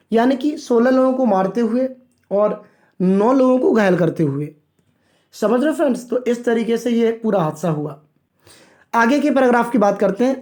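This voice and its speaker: A man teaching English vocabulary from a newspaper, reading phrases slowly and explaining each in Hindi, repeating himself and addressing viewers as friends. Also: very high-pitched, a little mellow. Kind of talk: line-by-line newspaper vocabulary lesson.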